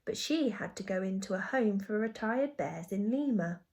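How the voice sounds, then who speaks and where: A polite, earnest little bear from a storybook, eager and well-mannered, as a woman reads him aloud. His voice rises and falls in a lively sing-song. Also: medium pitch, moderate pace, natural voice.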